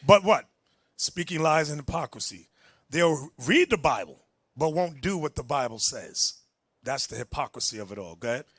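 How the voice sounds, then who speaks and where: A man's voice: fairly high pitch, animated, moderate pace, fairly bright tone, slightly rough, dry recording, clean studio sound. A man preaching and teaching from the Bible, emphatic and direct, telling a reader when to go on.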